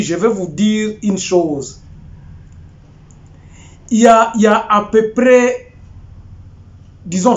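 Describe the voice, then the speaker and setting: A man's voice: sits high, lo-fi sound. An older Congolese man giving political commentary to camera from a small home office, gesturing and restarting his words. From Congo (DRC). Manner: animated, gesturing, with many repeats and restarts.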